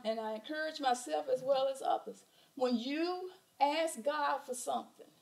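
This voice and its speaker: A woman's voice: a little high, gravelly, a little mellow, rough recording. A middle-aged woman with a Southern US accent preaching a sermon from a church pulpit, with rhetorical questions and emphatic repetition. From southern United States. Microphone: pulpit microphone.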